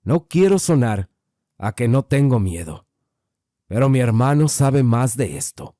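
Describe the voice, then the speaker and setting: A man voicing an older rural mountain man, grave and wary, speaking slowly and low. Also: big pitch swings, mellow, no echo, studio quality. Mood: grave warning.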